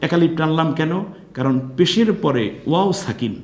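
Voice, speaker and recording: A man teaches Quran recitation step by step, spelling out syllables slowly, explaining pronunciation rules, then chanting the verses in a drawn-out way. His voice is a little high and animated with a darkish tone, heard in an echoey room.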